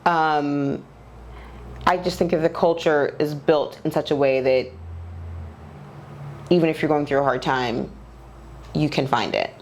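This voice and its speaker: A woman's voice: low-pitched, steady tone, unhurried, long pauses, slight background noise. A woman in her forties from Nigeria, a podcast guest speaking candidly and reflectively at home, with a loose, open way of talking. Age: 40s. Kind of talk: candid personal conversation.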